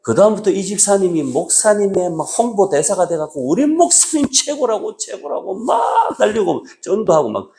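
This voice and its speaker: A male pastor preaching a sermon, moving between raised exhortation and quiet low asides. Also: big pitch swings, moderate pace, creaky, few pauses, a little hiss or hum. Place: church sanctuary.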